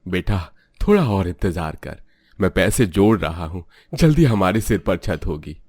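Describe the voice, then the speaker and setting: A man's voice: low voice, big pitch swings, a little slow, a little mellow, no room sound, clean studio sound, exaggerated voice. A man playing a patient cartoon father. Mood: tender. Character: hardworking poor father, warm and patient. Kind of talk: cartoon voice acting.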